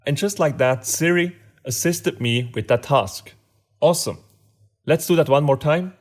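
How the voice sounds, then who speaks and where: A man with a heavy German accent talks through a tablet tutorial step by step. His voice sits a little high for a man. His delivery is friendly and explanatory. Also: unhurried. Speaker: tech tutorial presenter. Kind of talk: screen-recording tutorial narration.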